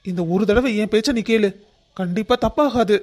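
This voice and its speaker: A man's voice: high voice, moderate pace, a little mellow, lightly acted. A man voicing a firm, protective middle-aged father in a cartoon family story, speaking in a commanding way.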